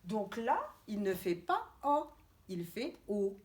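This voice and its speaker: A woman preschool teacher giving a reading lesson to young children over a camera, sounding out letters slowly and carefully in a coaxing way. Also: medium pitch, sing-song, darkish tone. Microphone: camera mic.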